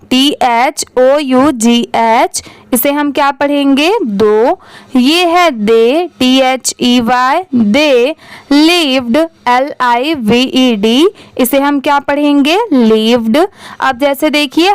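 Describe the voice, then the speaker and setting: High-voiced woman teaching English slowly. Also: no room sound. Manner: spells words letter by letter, then reads them slowly; asks and answers her own questions. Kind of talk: slow spelling-out lesson.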